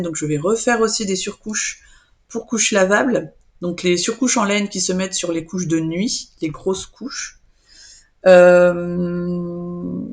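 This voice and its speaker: A woman's voice: on the low side, a little mellow. A young woman chatting casually to her viewers about her knitting and crochet projects, rambling with frequent hesitations and self-corrections. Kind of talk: casual chat to camera.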